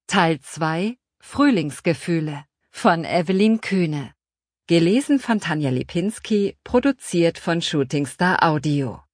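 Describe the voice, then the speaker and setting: Woman reading an audiobook, calm and measured, lowish voice, dry studio sound. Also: no room sound. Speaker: audiobook narrator. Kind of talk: scripted narration.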